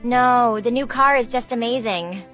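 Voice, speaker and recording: A woman's voice: on the high side, measured pace, a bit bright, soft background music. A woman playing a haughty, cold, money-minded wife in a scripted drama, curt and condescending. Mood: smug.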